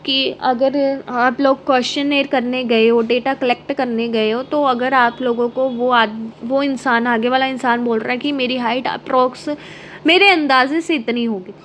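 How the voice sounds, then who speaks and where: High-voiced woman teaching a statistics lesson. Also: steady tone, normal speed, fairly bright tone, a little hiss or hum. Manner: explains step by step with frequent "ठीक है" check-ins; mixes English terms into Hindi explanation. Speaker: exam prep lecturer. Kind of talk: exam prep lesson.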